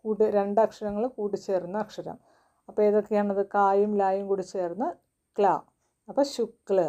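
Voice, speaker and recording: A woman teaching a children's reading lesson. She sounds out words slowly, syllable by syllable. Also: mid-range voice, fairly even intonation, mellow, lo-fi sound. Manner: slow, syllable-by-syllable spelling.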